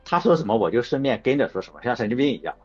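Husky male host, animated delivery, casual rambling chat, dull lo-fi recording with faint music. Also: mid-range voice, racing. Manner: rambling, anecdotal, self-correcting.

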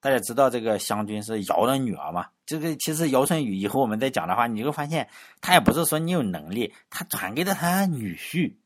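A man's voice: mid-range voice, animated, quick pace, few pauses. A man giving a casual spoken history lecture, chatty and wry, full of rhetorical questions and fillers. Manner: wry, mocking asides.

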